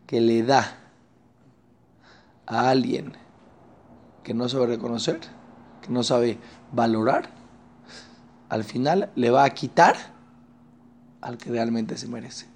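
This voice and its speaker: A male teacher leads a religious class. He talks in an animated way, jumping into the voices of the people in his examples. His pitch sits in the middle range. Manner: animated, acts out quoted people. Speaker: Torah teacher. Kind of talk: religious lesson.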